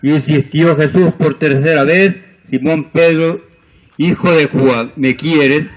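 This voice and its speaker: A man reading scripture aloud in a slow, measured way. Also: on the high side, fairly even intonation, low-quality recording. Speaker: scripture reader.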